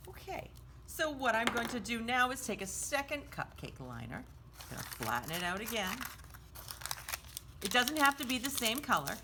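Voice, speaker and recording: Over some background noise, a woman with a fairly high voice leads a storytime craft for children. She explains every step in a sing-song, simple, child-friendly way.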